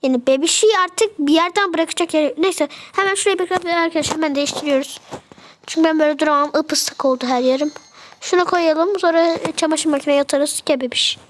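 A woman's voice: high voice, fast talker, a little hiss or hum. A young woman chatting casually as she narrates a game, fretting and exclaiming as she goes. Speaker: game video creator.

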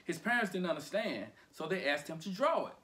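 A man reading a children's picture book aloud for storytime. His voice is high for a man and swings widely, full of playful lilt. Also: very animated, a little fast, sharp tone.

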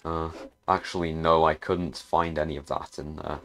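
A man's voice: very deep voice, flat delivery, moderate pace, a bit bright. A man giving casual gameplay commentary as a gaming YouTuber, muttering hesitantly to himself with frequent restarts.

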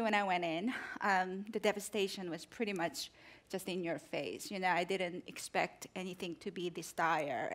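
A South Korea-born woman in her forties, speaking earnestly in an onstage interview with fillers and restarts. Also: on the low side. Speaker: guest author. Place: large theater stage with audience. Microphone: headset mic.

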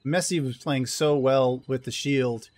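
A man casting a tactical shooter tournament as play-by-play commentator, excitable and quick to burst into loud exclamations. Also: mid-range voice. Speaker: esports caster.

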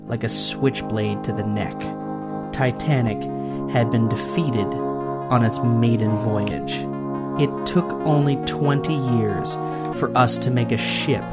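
A man hosting a history podcast, narrating a script in dramatic, emphatic phrases with pauses. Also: mid-range voice. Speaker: podcast host.

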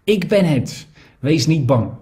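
A man voicing a calm, commanding male teacher in a scripture reading, firm and reassuring. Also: fairly high pitch, slow, pitched above the performer's own voice.

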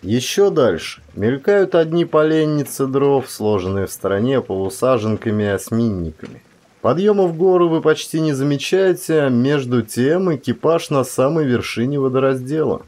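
A male audiobook narrator with a mid-range, darkish voice reads literary prose, phrasing it in a measured way and drawing out emphasis on certain words.

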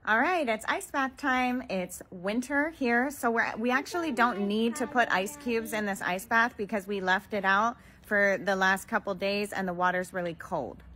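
A woman's voice: medium pitch, moderate pace, hardly any pauses, pushed and bright. A young woman talking casually to her phone as she vlogs a product review. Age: young adult. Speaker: content creator reviewing products. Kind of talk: casual vlog to camera.

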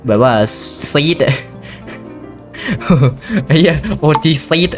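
A man hosting a casual let's play, swearing constantly and reading the game's text aloud and translating it as he goes, with excitable outbursts. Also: a little high, drawn-out words, faint music behind. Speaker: gaming channel host.

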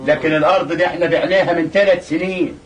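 An actor playing an indignant, protesting merchant with an Egyptian accent in a historical audio drama. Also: male voice, fairly high pitch, fairly even intonation, rapid-fire, lightly acted. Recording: dull, distant lo-fi sound.

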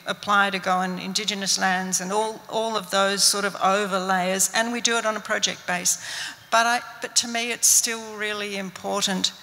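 An older Australian woman answers on stage in an earnest way, full of small restarts and fillers. Her voice is bright with a creaky edge and stays fairly flat. The handheld mic carries the long reverb of an event hall. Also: mid-range voice. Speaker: museum scientist panellist. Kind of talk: panel discussion answer.

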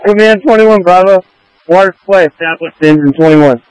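A man's voice: high voice, brisk, clear, resonant tone, dry recording, low-quality recording. A male firefighter checking in and confirming assignments over a two-way radio.

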